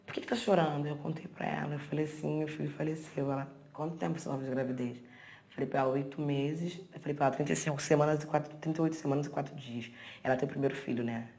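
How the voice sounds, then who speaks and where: A woman's voice: deep voice, gravelly, warm tone. A young woman giving a personal testimony in a documentary, retelling events with repeated words and acted-out quotes. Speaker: interviewee.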